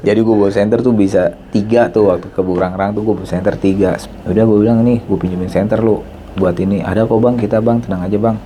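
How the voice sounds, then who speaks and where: Talking fast, a man spins a story on a casual, loose podcast, bringing the dialogue to life by leaping higher in pitch whenever he quotes someone. A light hiss of background noise accompanies his dark, mellow tone.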